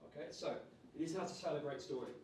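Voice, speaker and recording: A man, leading a lively public speaking workshop and raising and dropping his energy on purpose. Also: fairly high pitch, fast talker, a little hiss or hum. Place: large room at a live workshop. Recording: roomy sound, voice from far off.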